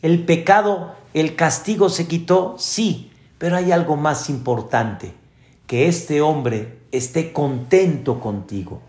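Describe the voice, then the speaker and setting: A male rabbi preaching in slow, measured phrases in a fairly high voice. He speaks straight to his congregation, and the sound rings in an echoey room. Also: a little mellow. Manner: slow, explaining, addresses listeners directly. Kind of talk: sermon.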